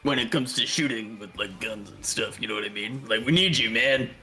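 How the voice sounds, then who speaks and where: A man's voice: on the low side, a little fast, sharp tone, soft background music. A man role-playing his character in a tabletop game, rambling and swearing casually.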